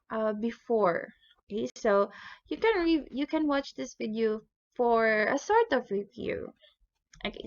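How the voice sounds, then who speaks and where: A young Filipino woman from Davao with a Bisaya accent and native Cebuano, teaching a casual online lesson with halting repeats. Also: high voice, dry recording, dull audio. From Davao, Philippines.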